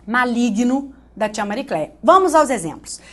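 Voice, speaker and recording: A woman from Brazil teaching an online grammar lesson, lively and joking, speaking straight to the student. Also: on the high side, normal speed.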